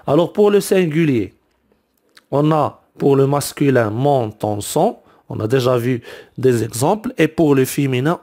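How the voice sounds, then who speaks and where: A man gives a grammar lesson in a slightly high voice. He speaks very slowly and repeats each example again and again. He links his points with frequent fillers like "donc" and "alors". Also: a little mellow. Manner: slow, repetitive explanations with many "donc" and "alors". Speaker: teacher.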